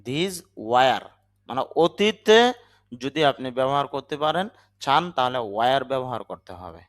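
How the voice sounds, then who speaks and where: A man's voice: medium pitch, lively intonation, measured pace. A man with a Bangladeshi accent, a native Bengali speaker, giving a patient spoken English lesson and spelling words out letter by letter. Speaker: English teacher.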